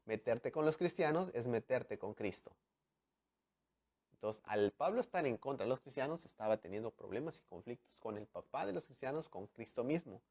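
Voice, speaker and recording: A man, preaching a sermon in an animated way, acting out dialogue and swinging from loud to hushed. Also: mid-range voice, moderate pace. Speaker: pastor.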